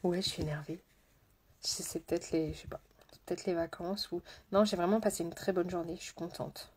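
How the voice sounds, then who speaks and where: In a relaxed makeup livestream, the host chats as she applies products, greeting people by name and repeating herself. Her voice sits on the low side with fairly even intonation and a breathy edge, sometimes slowing to a gentle, near-hypnotic murmur.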